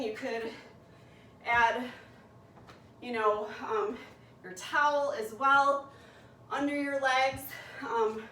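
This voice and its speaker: A woman's voice: high-pitched, bright, forceful tone, echoey room, distant mic, slight background noise, rough recording. Breathless woman coaching a workout. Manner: encouraging, counts reps aloud. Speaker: fitness instructor.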